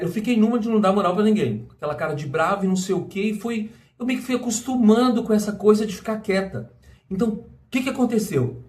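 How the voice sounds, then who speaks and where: A man from Brazil speaks in a high-pitched voice. He talks in a casual personal monologue. He stumbles through restarts and keeps tacking on little questions as he goes. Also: a little mellow. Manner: rambling, full of restarts and tag questions. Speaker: vlogger.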